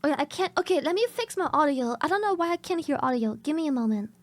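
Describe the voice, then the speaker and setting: A woman's voice: sits high, lively intonation, quick pace, dry recording. A young woman streaming a casual reaction, talking bluntly and chattily in her groggy morning voice.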